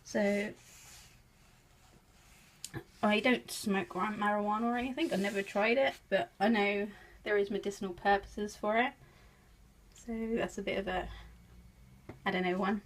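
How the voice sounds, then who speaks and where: She speaks at normal speed in a steady, medium-pitched voice with an English accent. A craft vlogger from England, she narrates a relaxed show-and-tell of her work, giggling and cracking jokes at her own expense.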